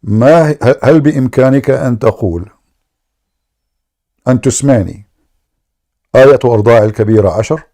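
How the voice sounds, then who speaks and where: A man's voice: mid-range voice, normal speed, pauses often, warm tone. A man hosting a live debate broadcast, switching between classical Arabic and English and pressing his caller with repeated questions. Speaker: host.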